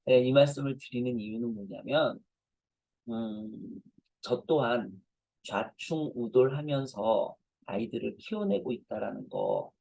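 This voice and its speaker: Man in his forties lecturing parents as a professor, dark and husky, anecdotal and self-deprecating. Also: medium pitch, animated, a little slow, no echo, rough recording. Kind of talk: conversational lecture.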